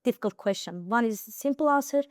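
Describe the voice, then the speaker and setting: A young woman from Nakhchivan in Azerbaijan, an IELTS high scorer, is a guest in a casual interview, earnestly advising on study in English with a Nakhchivan accent and plenty of fillers and restarts. She sounds animated, with a fairly high pitch, and talks a little fast. The audio is studio quality with no room sound.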